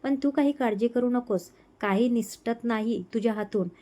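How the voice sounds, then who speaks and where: A woman's voice: fairly high pitch, normal speed, dark tone, natural voice. A woman voicing a kindly middle-aged aunt who speaks affectionately and coaxingly. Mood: comforting.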